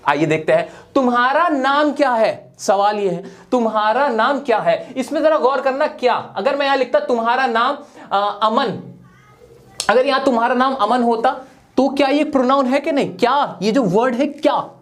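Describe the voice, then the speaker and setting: A man's voice: extremely high pitch, moderate pace, a bit bright. A man teaching grammar to viewers in a playful way, firing rhetorical questions at them.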